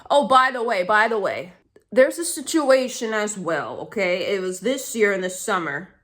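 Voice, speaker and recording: Woman vlogger, mid-pitch, rambling profane rant full of fillers. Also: lively intonation, normal speed, a bit bright. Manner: rambling, profane, heated, many fillers and restarts. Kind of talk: casual rant to camera.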